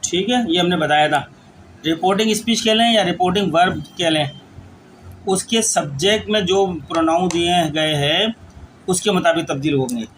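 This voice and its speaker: A man teaching English grammar, dictating rules slowly word by word as he writes them out. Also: high voice, a bit bright, a little hiss or hum, poor audio. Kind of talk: lecture explaining grammar rules.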